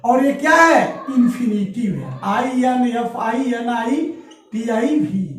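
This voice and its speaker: A male teacher giving a grammar lesson, asking questions and answering them himself, and dictating example sentences word by word. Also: very high-pitched. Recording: echoey room, voice from far off.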